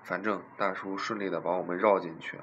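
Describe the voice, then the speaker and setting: A man's voice: sits low, fairly even intonation, a little fast, a bit bright, highs cut off, a little hiss or hum. A young man from eastern China telling a funny story in a playful, amused way. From Zhejiang, China. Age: young adult. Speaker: vlogger. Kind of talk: casual storytelling.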